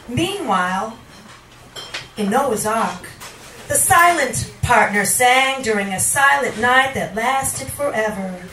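Captured from far across a small, wood-paneled bar, a middle-aged woman speaks poetry into a handheld microphone as the evening's featured poet. Her pitch runs on the high side and her tone is a bit bright, while her delivery is dramatic and deliberate, punctuated by pauses and now and then turning sing-song. The live recording is roomy and picks up background noise.

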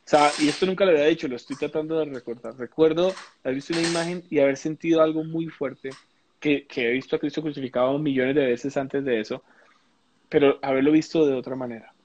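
A man's voice: on the high side, fairly even intonation, fast talker, darkish tone, low-quality recording. A man gives a personal testimony in a live interview. He talks reflectively, searching for words and often restarting. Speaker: interview guest.

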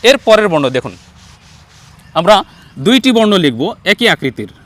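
A man teaching Arabic letter sounds in an online lesson, patiently repeating each letter slowly for viewers to copy. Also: sits high, very animated, a bit bright. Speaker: Quran teacher.

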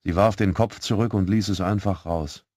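A man narrating an audiobook in the first person, calm and measured. His voice sits low, and the recording is dry and close with no room sound. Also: no room sound.

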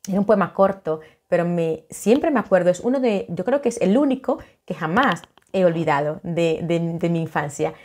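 A middle-aged woman from the Dominican Republic, an author who talks warmly and chattily into a webcam at home, with many fillers and restarts. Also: fairly low pitch, animated, moderate pace, hardly any pauses. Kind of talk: casual video greeting. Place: home living room, indoors.

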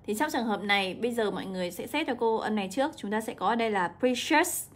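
A young woman, an English teacher walking students through an exam, drawing out example words slowly. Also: mid-range voice. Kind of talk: exam walkthrough lesson.

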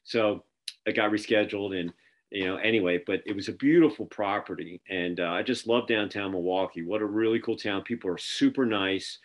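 In a casual video-call interview, a middle-aged host with a lowish voice talks a little fast, spinning stories full of fillers and false starts. He's indoors at an office in front of a printed backdrop, picked up by his webcam.

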